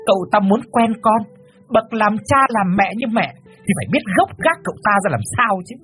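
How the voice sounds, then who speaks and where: Give me a man doing a shrill, scornful mother. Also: expressive, fairly bright tone, faint music behind. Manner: sarcastic, fast scolding rant. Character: shrill scornful middle-aged mother, sneering and nagging.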